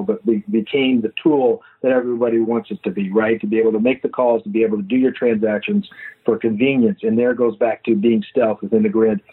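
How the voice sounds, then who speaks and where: A man in his fifties, a foundation founder, speaking haltingly with many fillers as a guest in a phone-in interview. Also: mid-range voice, breathy edge. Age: 50s. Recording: tinny phone line.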